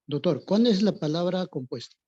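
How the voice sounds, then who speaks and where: A man's voice: sits high, animated, fairly quick, dark tone, breathy edge, dull audio. A man asking his teacher a question politely. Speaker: student.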